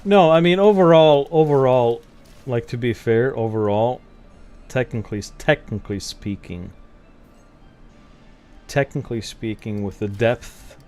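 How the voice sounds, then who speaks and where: A man's voice: mid-range voice, a little slow, darkish tone, faint music behind. A man streaming a game, chatting casually with viewers in a blunt, rambling way, often laughing and swearing. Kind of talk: casual chat while gaming.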